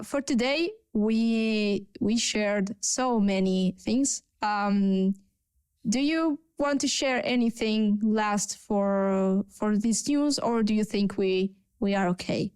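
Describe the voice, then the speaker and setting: A woman's voice: mid-range voice, takes it slowly, darkish tone, clear, resonant tone, dry recording. Italian-accented woman co-hosting a chat. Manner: chatty, searching for words, laughs often. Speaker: podcast co-host. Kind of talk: casual panel chat.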